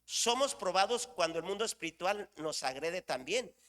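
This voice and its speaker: Man, middle-aged, preacher, high voice, bright and forceful, animated, shouts exclamations, questions the congregation. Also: normal speed, in a large hall. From Mexico. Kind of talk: sermon.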